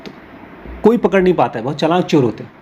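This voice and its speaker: A man teaching a spirituality course, explaining ideas in Hindi mixed with English phrases. He reads English lines slowly, then explains them through everyday examples. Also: on the high side, lively intonation, a little mellow, a little hiss or hum. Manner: explains with everyday examples and role-play scenarios.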